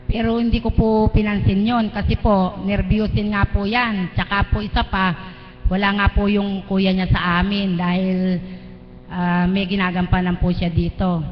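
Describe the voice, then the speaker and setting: Before a church gathering, a middle-aged woman gives a live spoken testimony, earnestly and deferentially recounting events one step at a time. Her mid-range voice is flat and moves at a normal speed. The livestream audio is dull and lo-fi, captured in a reverberant hall with faint noise.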